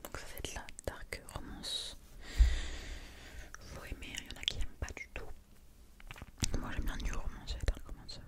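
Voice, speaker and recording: A young adult whispers softly, as if in a quiet library. The delivery is ASMR book talk, moving between reading aloud and informal, casual remarks, all kept unvoiced and hushed. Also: normal speed, long pauses. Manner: reads blurbs aloud with informal asides. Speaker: ASMR book haul creator. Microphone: streaming microphone close by.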